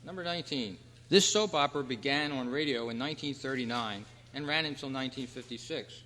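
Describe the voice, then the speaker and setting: In a large convention meeting room, a man runs a live quiz and gives club announcements to the crowd. His mid-range voice moves fairly quickly with a sharp edge, and the hall's long reverb makes everything echo.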